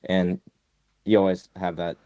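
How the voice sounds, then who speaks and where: A man's voice: low-pitched, little pitch movement, a little slow, warm tone, no room sound. A man speaking as a guest in a casual podcast chat, easygoing and hesitant with fillers like "uh" and "like".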